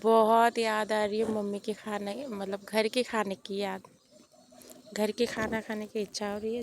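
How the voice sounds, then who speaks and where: A young woman talks through her household chores in a relaxed voice-over, her throat a little hoarse and her voice sleepy. She sits a bit high in pitch and stays fairly flat, rambling on in a chatty, confiding way, with faint noise underneath. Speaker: vlogger. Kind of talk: casual voice-over narration of daily chores.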